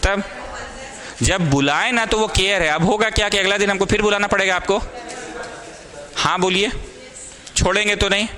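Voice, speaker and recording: A man's voice: high-pitched, fairly even intonation, normal speed, long pauses, pushed and bright. A young man teaching maths to a small class, mixing in English and scolding students in a caring way. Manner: scolding yet caring, mixes Hindi and English. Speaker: maths tutor.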